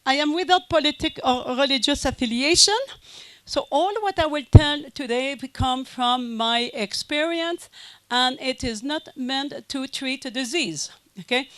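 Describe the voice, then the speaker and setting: A woman's voice: fairly high pitch, fairly bright tone, no room sound. A middle-aged French Canadian woman, a native French speaker, giving a conference talk in a hesitant way, with many fillers and restarts. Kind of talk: conference presentation.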